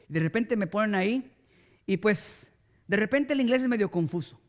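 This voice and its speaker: A man's voice: high voice, animated, moderate pace. A male pastor preaching a sermon with emphasis, speaking straight to his congregation. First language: Spanish.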